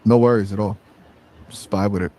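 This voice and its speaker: Brief: male AI chat voice, low-ish, chill and slangy, easygoing upbeat delivery. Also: steady tone, brisk, dark tone. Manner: laid-back, slangy, upbeat. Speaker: AI conversation guest. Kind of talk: casual chat.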